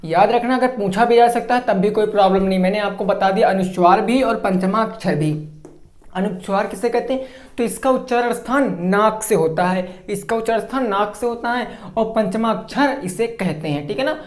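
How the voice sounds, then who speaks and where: At a moderate pace, a man with a high voice gives an exam-prep grammar lesson. He asks something, answers it on his own, elongates his example words, and keeps confirming that students are with him. The recording has an echoey room sound.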